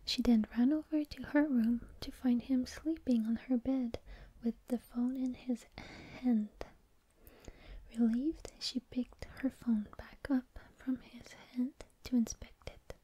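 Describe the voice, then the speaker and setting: A woman speaks entirely in a breathy whisper, as an ASMR host reading stories. Her sound is very dark and soft, with a husky, airy grain. She goes along unhurriedly and informally, moving between reading and casual rambling. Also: sits high, steady tone, unhurried, hardly any pauses, poor audio.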